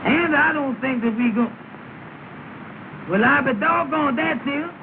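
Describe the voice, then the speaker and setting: A man's voice: extremely high pitch, unhurried. An actor playing Amos, a jittery, timid young man who talks in a nervous, folksy, ungrammatical way, in a 1930 film comedy. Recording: tinny, hissy 1930 film soundtrack.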